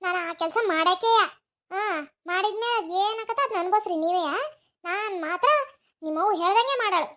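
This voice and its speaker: A woman voicing a sharp-tongued, defiant young village wife in a cartoon comedy, talking in a North Karnataka Kannada accent and firing back scolding retorts. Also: very high-pitched, a little fast. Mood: indignant.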